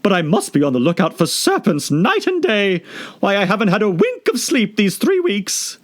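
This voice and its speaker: A man's voice: wildly swooping pitch, moderate pace. Man putting on a shrieking, frantic mother pigeon. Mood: shrieking despair. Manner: shrill, dramatic, sobbing indignation. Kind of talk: storybook character voice.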